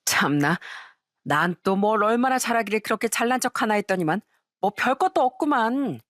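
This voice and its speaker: Brief: woman doing a condescending younger sister-in-law, mocking, lively pitch. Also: normal speed, no echo, studio quality. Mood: sneering.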